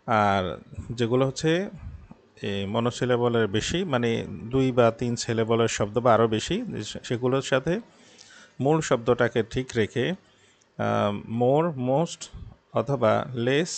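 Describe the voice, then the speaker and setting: A man's voice: mid-range voice, vocal fry. Patient tutor, man. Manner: patient, explains step by step, reads examples slowly. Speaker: English grammar tutor. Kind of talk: explanatory lesson in Bengali.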